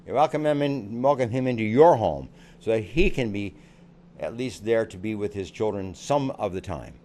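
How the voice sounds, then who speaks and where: A man's voice: on the low side, lively intonation, moderate pace, warm tone. An older American man, a psychologist, giving earnest parenting advice and repeating phrases for emphasis. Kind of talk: advice talk to camera.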